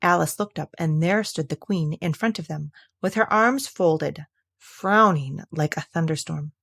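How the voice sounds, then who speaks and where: A woman's voice: deep voice, unhurried, gravelly, a bit bright, husky. A woman narrating a storybook from a script as an audiobook reader.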